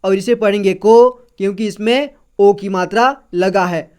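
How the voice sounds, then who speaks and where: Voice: medium pitch, fairly even intonation, moderate pace, a little mellow, clean tone. A patient reading teacher going through a syllable chart one sound at a time, repeating each syllable and checking in with the learner after every point. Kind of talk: slow syllable-by-syllable reading lesson.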